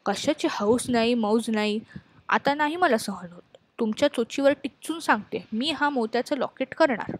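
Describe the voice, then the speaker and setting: A woman's voice: fairly high pitch, lively intonation, moderate pace, breathy edge. A woman voicing a talkative, indignant female sparrow who scolds her mate, in a storybook reading. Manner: scolding, complaining.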